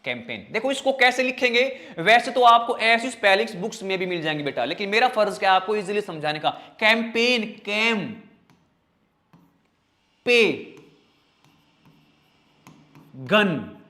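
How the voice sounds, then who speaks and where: A man's voice: sits high, animated, sharp tone. A man teaches English vocabulary in an online lesson. He jokes with his students, calls them brother and child, and drags out each spelling one syllable at a time. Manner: playful, jokey, drags out spellings slowly syllable by syllable; calls students "bhai" and "beta". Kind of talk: online exam-prep lesson.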